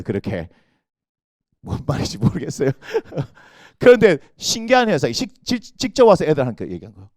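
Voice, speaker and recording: A middle-aged man preaching a lively sermon as senior pastor, telling stories in an animated way and acting out quoted voices with sudden shouts. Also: mid-range voice, dry recording, studio quality. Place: church sanctuary.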